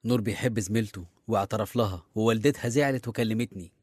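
A man's voice: on the low side, fast talker, darkish tone, breathy edge, no echo, clean studio sound. An actor with an Egyptian accent playing a harried, well-meaning middle-aged father in a radio serial, conversational and often hesitant. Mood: worried. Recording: music behind the voice.

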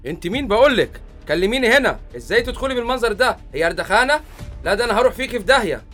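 A performer voicing a furious middle-aged Egyptian father who speaks with an Egyptian Arabic accent and makes gruff threats. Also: medium pitch, lively intonation, racing, a bit bright, soft background music.

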